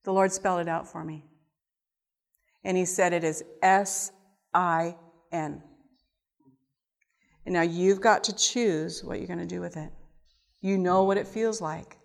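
A woman giving a sermon-style teaching to a group, animated, moving between hushed and emphatic delivery. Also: medium pitch. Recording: long reverb of a hall.

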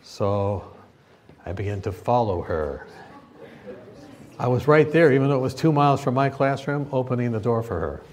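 A middle-aged male preacher with a playful, teasing delivery, speaking at a university gathering. He chuckles through his anecdotes and keeps asking the crowd questions. His pitch sits right in the ordinary middle range. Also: expressive, normal speed, long pauses, darkish tone. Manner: asks the crowd questions and gets them to answer back. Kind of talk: humorous sermon to students.

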